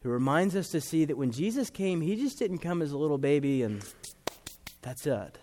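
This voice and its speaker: Pastor guy preaching, earnest, goes soft and low for the big lines, church hall echo. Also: animated. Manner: earnest, slows down for emphasis and drops to soft low tones. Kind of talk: sermon.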